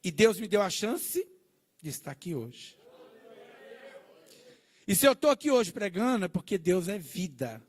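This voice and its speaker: A middle-aged man preaches his testimony to a church congregation. His voice sits high and swings widely as he tells the story with animation, acting out the dialogue and checking in with the listeners. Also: very animated, measured pace, long pauses. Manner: addresses the congregation with "né" and "gente". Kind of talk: testimony sermon.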